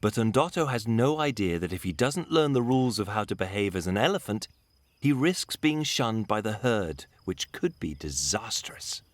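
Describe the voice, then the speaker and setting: A man's voice: lowish voice, big pitch swings, normal speed, no echo. A man delivering scripted nature documentary narration as the programme's narrator.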